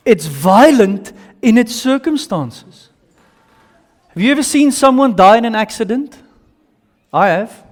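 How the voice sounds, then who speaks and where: A man with an Afrikaans South African accent preaching a sermon in emphatic short phrases, repeating himself and putting questions to his listeners. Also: very high voice. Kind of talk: sermon with slides and audience questions. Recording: long hall reverb.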